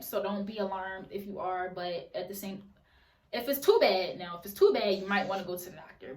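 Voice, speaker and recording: A woman's voice: mid-range voice, far from the mic. A woman giving casual advice in a vlog, chatty and repeating phrases for emphasis. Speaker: vlogger. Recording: roomy echo, voice away from mic.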